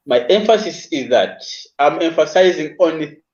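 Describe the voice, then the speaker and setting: A man's voice: a little high, lively intonation, moderate pace, darkish tone. A man speaking as a guest evangelist on a talk show, giving sermon-like advice and repeating key words in threes. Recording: roomy, dull lo-fi sound.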